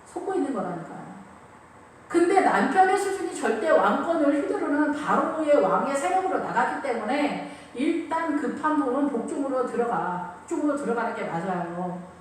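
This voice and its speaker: A woman's voice: high-pitched, very animated, normal speed, a little hiss or hum. A woman pastor preaching a sermon in a church, talking in an emphatic, conversational way. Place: church sanctuary. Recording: echoey room, voice from a distance.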